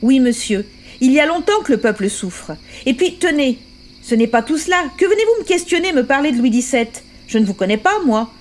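A woman's voice: high-pitched, lively intonation, a little fast, a little hiss or hum. A woman reading aloud as a fierce, bitter old revolutionary on his deathbed who speaks in impassioned accusations.

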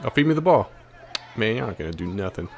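Talking fast in a lowish voice with big swings in pitch, this American host offers casual, teasing commentary over basketball game sounds, switching from outbursts to mumbled asides.

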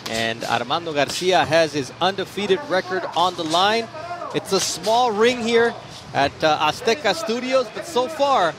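Higher-pitched male boxing play-by-play voice. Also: expressive, measured pace. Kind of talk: live sports commentary.

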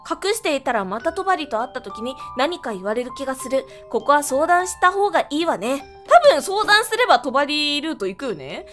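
Gushing let's-play host, a woman; high and very animated. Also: normal speed, hardly any pauses, soft background music. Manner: excitable, gushing, animated reactions. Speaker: game streamer.

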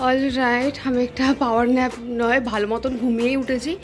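Young Bengali-woman vlogger, high and quick, chatty, music bed underneath. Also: flat delivery. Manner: chatty, talks while doing her makeup. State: tired. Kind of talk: casual vlog chat.

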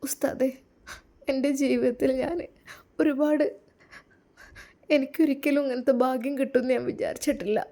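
A woman's voice: high voice, steady tone, pitched above the performer's own voice. A woman doing a timid, tearful young bride. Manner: hesitant, halting, soft-spoken. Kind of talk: audio story drama.

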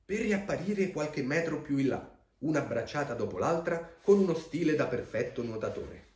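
Guy reading a kids' picture book out loud, voice swinging all over the place, gentle and expressive, kinda echoey room. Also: medium pitch. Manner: expressive, gentle storytelling with pauses for a child. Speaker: storybook reader.

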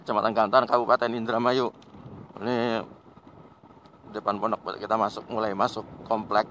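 A man's voice: on the low side, normal speed, slight background noise. A man hosting a motorcycle vlog, chatting casually to viewers as he rides and laughing now and then. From Indonesia. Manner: relaxed, chatty, laughs often, addresses viewers as friends. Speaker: motovlog host. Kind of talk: casual riding commentary. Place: riding a motorbike outdoors on rural roads.

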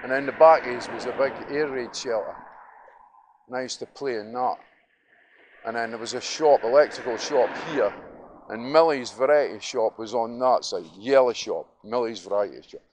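With passing vehicles and street ambience in the noisy recording, a middle-aged man from Dundee speaks in a Scottish accent at medium pitch and moderate pace. The vlogger rambles casually as he walks city streets, reminiscing, opinionated and emphatic, with frequent chuckles.

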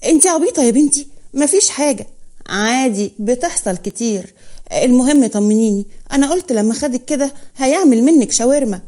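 A woman's voice: high voice, lively intonation, a little fast, warm tone. Woman voicing a playful teasing girl. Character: cheerful, joking young woman friend.

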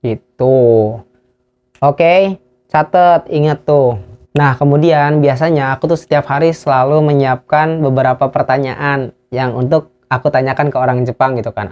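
A man's voice: fairly high pitch, darkish tone. A young man from Indonesia giving casual advice for work trainees, repeating each phrase again and again. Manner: repetitive, drills phrases again and again. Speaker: YouTuber giving tips for work trainees in Japan. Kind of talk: casual instructional vlog. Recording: dull lo-fi recording.

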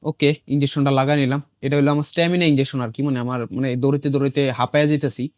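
Guy gaming, voice gone hoarse from a cold, chatty play-by-play, dead dry mic. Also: mid-range voice, steady tone, racing, dry recording. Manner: chatty, talks to viewers as he plays, mixing in English exclamations. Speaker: gaming channel host. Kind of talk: casual gameplay commentary.

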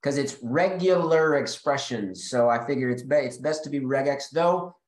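A man's voice: medium pitch, normal speed, echoey room, low-quality recording. A male developer presenting on a video call, eager and explanatory, occasionally correcting himself. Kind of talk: technical webinar presentation.

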